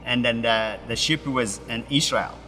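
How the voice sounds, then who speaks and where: Halting Ethiopian-born pastor, bright roomy sound. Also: male voice, mid-range voice. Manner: halting, broken English with many restarts. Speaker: pastor, interview guest. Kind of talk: personal story in an interview.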